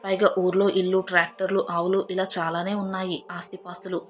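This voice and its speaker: A woman's voice: lowish voice, little pitch movement, a little fast, close to an everyday voice. A woman doing a selfish, offhand grown son. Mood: scheming. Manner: offhand, self-excusing.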